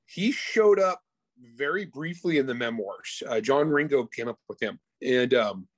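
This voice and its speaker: A guest author talks about his own book in a casual interview, sounding animated and informal, using slang and often restarting sentences. His voice is medium-pitched and a little slow, with no room sound.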